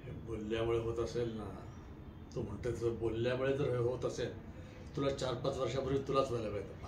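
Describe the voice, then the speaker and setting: A man's voice: medium pitch, level tone, fairly quick. An older man in a comic sketch, answering his wife meekly. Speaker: husband. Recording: echoey room, distant mic, clear noise.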